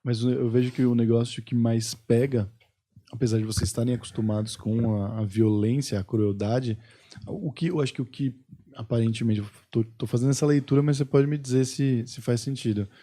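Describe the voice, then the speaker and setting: Brief: male podcast co-host, very dark, mellow tone, thoughtful and tentative delivery. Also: mid-range voice, fairly even intonation, brisk. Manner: thoughtful, tentative, hedges while framing a question. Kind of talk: podcast interview.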